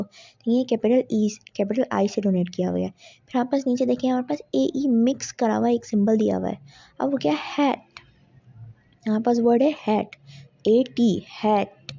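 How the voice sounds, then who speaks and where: A woman's voice: a little high, gravelly, dark tone. A young woman gives an exam revision lecture, explaining step by step and mixing in English terms. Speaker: tutor. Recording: dull lo-fi audio.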